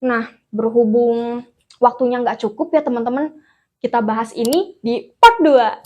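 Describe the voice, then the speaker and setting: High-voiced woman teaching broadcast voice. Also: unhurried, dull audio. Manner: friendly, addresses viewers as friends, lively demonstrative intonation. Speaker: vocal coach for broadcasters. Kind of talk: casual tutorial lesson.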